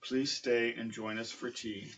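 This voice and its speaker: A man voicing a kindly, sick old grandmother in a storybook, speaking gently. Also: mid-range voice, little pitch movement, measured pace, far from the mic, lo-fi sound, a little hiss or hum, lightly acted. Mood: grateful.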